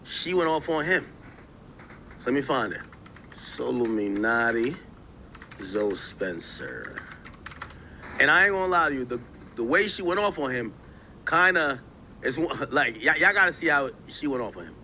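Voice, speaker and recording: A male streamer reacts to clips and talks to his chat with emphatic energy. His voice sits high and sounds very bright, and his pitch swings widely. A little noise hums behind him. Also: brisk. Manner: animated, emphatic, addresses chat directly. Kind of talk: live stream commentary. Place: New York.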